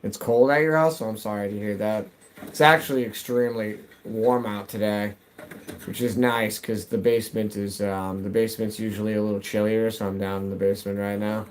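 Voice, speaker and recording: A man's voice: fairly low pitch, fairly even intonation, a little fast, slight background noise. A man in his thirties chatting casually while gaming on a live stream, answering chat and muttering to himself as he plays, from his home basement.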